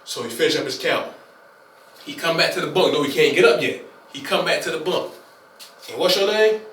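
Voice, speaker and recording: A man's voice: on the high side, fairly quick, fairly bright tone. A man chatting casually in laid-back street slang, telling his own prison story. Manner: laid-back slang, short backchannel replies. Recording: echoey room, mic at a distance, faint hiss.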